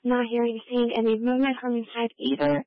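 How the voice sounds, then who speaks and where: A woman working as a police dispatcher, reading out calls in brisk, clipped radio codes over a police radio transmission. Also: on the high side, fairly even intonation, no room sound. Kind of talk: radio dispatch call-outs. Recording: tinny narrow-band radio channel.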